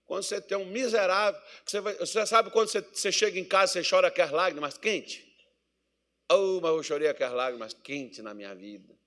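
A Brazilian man preaching a sermon as pastor, swinging between loud exhortation and quiet asides, acting out little dialogues. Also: high voice, brisk. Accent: Brazilian Portuguese. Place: church meeting hall.

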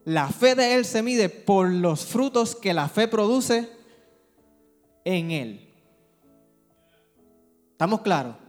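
A man preaching a sermon, his voice sitting a little high for a man as he keeps pressing rhetorical questions on the congregation. The sound carries a long reverb from a large church hall. Soft instrumental music plays faintly underneath. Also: animated, slow pace, pauses often. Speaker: pastor.

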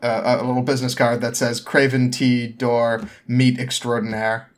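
A man's voice: mid-range voice, flat delivery, moderate pace. A man narrating a tabletop game as game master, rambling with many fillers and restarts.

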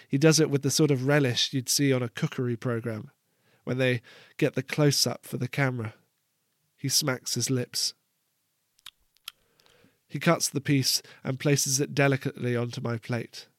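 A man reading a first-person story aloud with a measured, wry delivery. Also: mid-range voice, dry recording, studio quality. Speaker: narrator.

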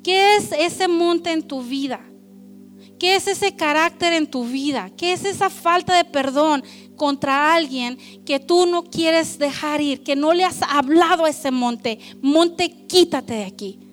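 A woman's voice: sits high, measured pace, soft background music. A woman preaching a conversational sermon, mixing in English phrases. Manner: switches between Spanish and English, conversational and lively.

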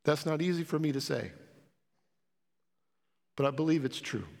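A man's voice: a little high, normal speed, vocal fry, darkish tone. A man preaching a sermon as pastor to his congregation, earnest, with pleading questions. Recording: reverberant hall.

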